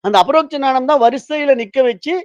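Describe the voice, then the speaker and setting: A male spiritual teacher explains a philosophy text by telling a story and acting out its quotes. His voice sits high for a man. The recording is dry and close, with muffled, lo-fi sound. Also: brisk, no room sound.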